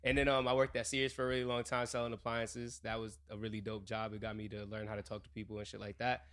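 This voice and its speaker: A man co-hosting a casual podcast, telling animated, slangy stories. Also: fairly low pitch, quick pace. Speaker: podcast co-host. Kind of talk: casual chat.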